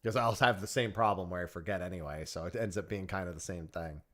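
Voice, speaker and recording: A man's voice: deep voice, quick pace, fairly bright tone. A man hosting a stream, talking casually in a group voice chat. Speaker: stream host.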